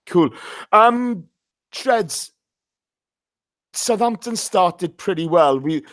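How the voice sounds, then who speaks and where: A man's voice: high voice, animated, drawn-out words, a bit bright, no echo. A hungover man hosting a casual live football fan show, talking in a blunt, matey way.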